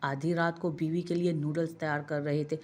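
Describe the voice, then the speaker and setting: Low voiced woman reading a romance novel aloud, steady and expressive. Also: normal speed. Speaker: narrator.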